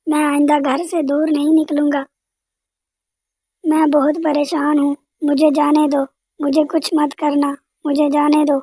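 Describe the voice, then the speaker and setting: A sulky little cartoon boy pleads and complains in a high, whiny voice, as a woman puts him on. His tone is mellow and dry. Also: little pitch movement, measured pace, no room sound. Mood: pleading.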